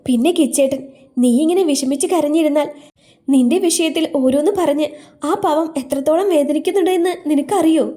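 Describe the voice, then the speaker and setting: A woman's voice: sits high, dark tone, pitched above the performer's own voice, lightly acted. A woman voicing a young woman who scolds and coaxes her tearful best friend. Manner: scolding, coaxing.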